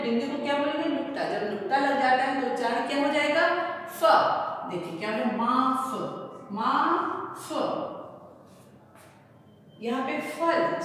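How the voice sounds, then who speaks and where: A woman's voice: high voice, slight background noise. A woman teacher giving a Hindi grammar lesson to young pupils. She asks questions and then answers them herself, drawing out the sounds. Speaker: primary school teacher. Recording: echoey room heard from a distance.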